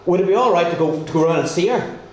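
A man's voice: high-pitched, quick pace, lightly acted. A man playing a timid, lovesick little husband in a stage farce, polite and pleading. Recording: very echoey stage, faint noise.

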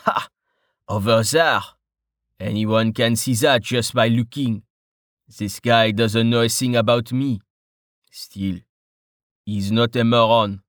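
A man's voice: medium pitch, steady tone, slow, long pauses, a bit bright, dry recording. A man voicing a guarded male adventurer with a dry manner.

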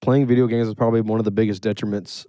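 A man's voice: on the low side, flat delivery, racing, mellow, dry recording. A man hosting a casual podcast chat, steering topics and asking the others questions. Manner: leads topics, asks questions. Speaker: podcast host.

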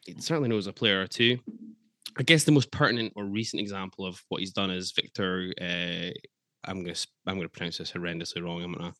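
A man hosting a casual football podcast, chatty and quick to swear, laughing between points. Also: low-pitched, steady tone, pushed and bright, no echo. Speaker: podcast host.

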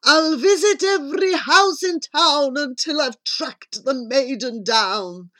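A woman's voice: high-pitched, slow, sharp tone, dry recording, voice pushed up, heavily acted. Woman doing a haughty, declamatory storybook prince. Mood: resolute. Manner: declamatory, dramatic. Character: impulsive, haughty young storybook prince, male.

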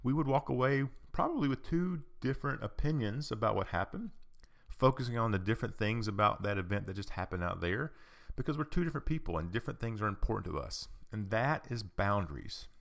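A man with a low, gravelly voice gives an informal explanatory talk, repeating his points patiently. He asks rhetorical questions, fills pauses with "um" and clears his throat now and then. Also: animated, a bit bright. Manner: patient and repetitive, with rhetorical questions and frequent ums.

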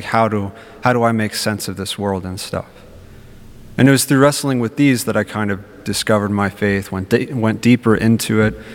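A young adult man reading the gospel and preaching in a large church, speaking in earnest short phrases, with a cathedral echo. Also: fairly low pitch. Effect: cathedral echo, long church reverb. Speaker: preacher at a Mass. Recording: long reverb of a large church.

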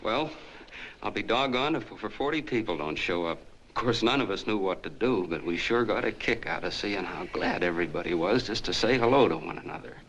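A folksy, rambling soda jerk. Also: male voice, lowish voice, animated, a little fast, background noise. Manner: folksy, rambling, chatty storytelling. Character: earnest small-town soda jerk, middle-aged man. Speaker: soda fountain clerk telling a story. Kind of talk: 1940s film acting.

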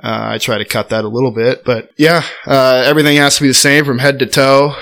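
A man's voice: mid-range voice, fairly even intonation, a little fast, a bit bright. A young man, a podcast guest, telling stories in casual chat, loose and full of fillers, recorded in a garage studio. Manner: loose and chatty, full of "like" and "I mean". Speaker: podcast guest, college golfer.

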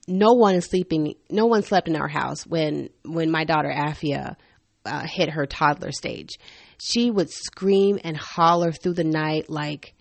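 An animated woman in her thirties tells stories in a candid, funny way and laughs often. Her voice sits fairly low, and the recording is dry and close. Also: dry recording. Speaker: podcast host. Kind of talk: personal storytelling monologue.

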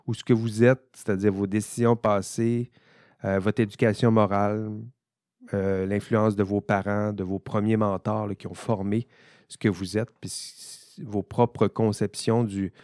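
A man's voice: lowish voice, flat delivery, measured pace, darkish tone, dry recording, studio quality. A man, an ethics professor giving an informal recorded lecture, thinking aloud and speaking directly to his students.

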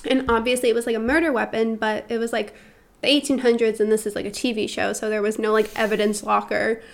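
A woman's voice: a little high, little pitch movement, quick pace, creaky. A woman who is a podcast guest, telling stories in casual chat and swearing now and then. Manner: chatty storytelling, swearing.

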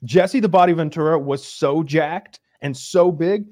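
A man's voice: on the high side, measured pace, no room sound, clean studio sound. A man in casual podcast chat, telling stories animatedly and acting out grunts and commands. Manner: animated storyteller, acts out grunts.

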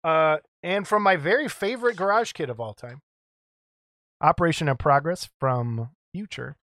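A man's voice: fairly high pitch, moderate pace, a bit bright, dry recording. Rambling middle-aged man, dry close sound. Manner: rambling, chuckles often. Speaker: co-host of a model kit show. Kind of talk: casual show-and-tell chat.

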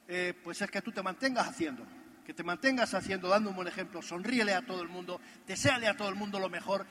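High bright-voiced man in a reverberant hall. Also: slight background noise. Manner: animated storyteller, rhetorical questions. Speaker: motivational speaker at a business convention. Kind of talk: motivational stage talk. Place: large convention hall.

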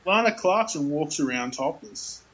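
A man's voice: on the high side, lively intonation, moderate pace, a bit bright. Man, casual talker, rambles with fillers and laughs, muffled lo-fi audio. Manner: rambling, many fillers and restarts, laughs often. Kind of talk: casual chat about films.

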